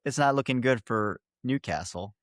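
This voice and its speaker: Male podcast co-host, mid pitch, dry close mic, emphatic casual talk. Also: moderate pace, no room sound. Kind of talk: casual football chat.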